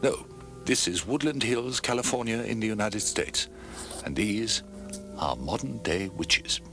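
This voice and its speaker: A man narrating a documentary in a dramatic, scripted way with slow ominous pauses, heard from an old VHS tape. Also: fairly low pitch, animated. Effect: old VHS tape sound. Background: music.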